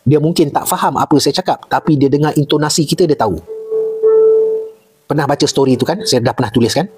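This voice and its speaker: A man's voice: fairly high pitch, quick pace, loud music behind the voice. A middle-aged man with a Malaysian Malay accent, a retired army major telling jungle stories in casual chat and repeating points for emphasis.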